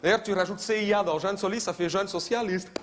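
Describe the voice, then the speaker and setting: A man doing live stand-up comedy, mocking and conversational, now and then shouting in put-on voices. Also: high voice, fairly even intonation, fast. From Belgium. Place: theater stage before a live audience. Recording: live show recording with crowd noise. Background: audience laughter and applause.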